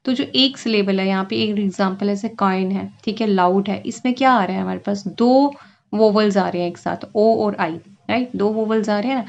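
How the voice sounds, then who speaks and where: A woman's voice: medium pitch, gravelly, muffled recording. A woman teaching exam-prep lessons, explaining terms and past questions and often checking in with "ठीक है?" as she goes. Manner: frequent checking "ठीक है?", drawn-out reading of English questions.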